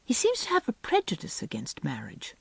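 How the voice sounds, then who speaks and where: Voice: huge pitch swings, fairly quick, vocal fry, husky, dry recording, whispered, heavily acted. A reader doing a dreamy, gushing young woman. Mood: dreamy, eager. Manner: wistful and gushing, rising in pitch. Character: dreamy, imaginative young woman, eager and talkative. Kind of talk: audiobook character voice.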